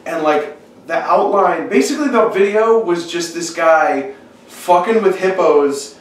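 A young man co-hosting a podcast, telling a profane story in animated casual chat around a dining table. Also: high voice, measured pace. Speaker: podcast co-host. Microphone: far camera. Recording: roomy, distant, faint hiss.

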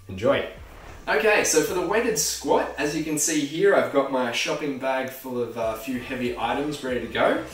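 Young male fitness instructor in an echoey hallway. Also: medium pitch. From Australia. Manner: friendly, loose with fillers. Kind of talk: casual exercise tutorial. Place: home hallway, indoors. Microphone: camera mic, close then from across the room. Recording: echoey room, distant at times, faint music.

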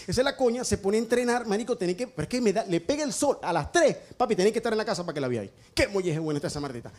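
A man's voice: high-pitched, animated, rapid-fire. A man doing a rowdy stand-up comedy routine, swearing and acting out characters.

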